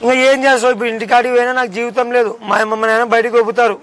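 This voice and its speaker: Out on a street, a young man pulls a prank by acting heartbroken, pleading and firing off the same questions again and again. His voice is very high and fairly bright, his tone steady, and he talks at a rapid-fire pace.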